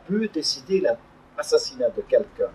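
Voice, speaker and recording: Older man from Hungary, lively, hesitant talk. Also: mid-range voice, a little slow, slightly rough. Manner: lively, hesitant, many fillers and restarts. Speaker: invited speaker. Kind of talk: public talk at an evening debate. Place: meeting room around a table, above a restaurant. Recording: distant mic in a meeting room.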